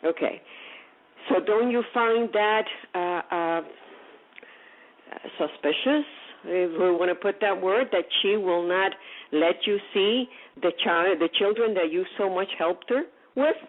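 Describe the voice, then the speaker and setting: A woman's voice: medium pitch, a little slow. Woman radio host, emphatic and probing, tinny narrow audio. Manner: probing, emphatic, repeats herself. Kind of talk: call-in radio talk.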